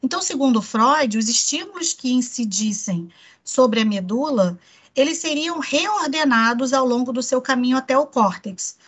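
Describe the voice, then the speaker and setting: This online psychoanalysis lecture comes from a Brazilian-accented woman whose high, expressive voice has a breathy edge and a moderate pace. She keeps her delivery explanatory and checks in with listeners often, tagging sentences with "né."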